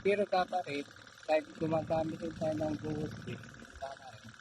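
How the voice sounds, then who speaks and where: A man's voice: a little high, steady tone, normal speed. A farmer answering questions in brief, plain replies while standing in his field. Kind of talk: short answers in a field interview. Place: onion field outdoors. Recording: distant voice over field noise.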